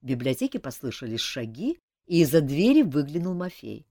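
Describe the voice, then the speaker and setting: A woman reading a fantasy novel aloud in an expressive, animated way. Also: low voice, a little fast, no echo, clean studio sound. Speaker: audiobook reader.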